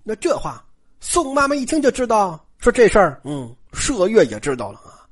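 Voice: mid-range voice, huge pitch swings, moderate pace, husky. A storyteller telling a classic tale in a chatty way, full of rhetorical asides. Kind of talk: colloquial storytelling lecture.

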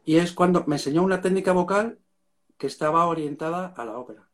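Slangy rock singer with a Spain Spanish accent. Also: male voice, fairly high pitch, fast talker. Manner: casual storytelling, slangy, keeps saying "mate". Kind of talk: casual interview chat.

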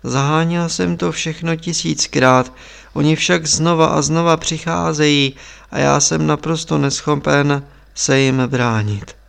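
A man's voice: fairly high pitch, steady tone, gravelly, a bit bright, clear, resonant tone. A man voicing a young male monk who pleads in anguish, in an audiobook reading. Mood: despairing.

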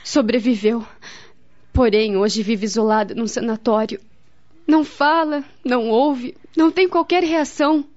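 An actress voices a devout, grave friend in a radio drama, offering counsel and recounting a family tragedy in a solemn, earnest, sorrowful way. Her Brazilian-accented voice is on the high side yet darkish and ordinary-sounding, at a measured pace, and the recording is dull and lo-fi.

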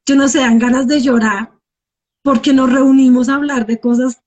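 A woman's voice: high-pitched, steady tone, normal speed, a little mellow. A woman, telling her personal story as a guest and often calling the host by name. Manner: heartfelt, repeats the host's name often. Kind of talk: emotional personal testimony.

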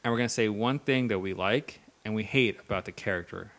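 A man's voice: on the low side, a little fast, fairly bright tone. A man hosting a casual podcast chat, joking around and swearing easily while steering the talk. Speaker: podcast host.

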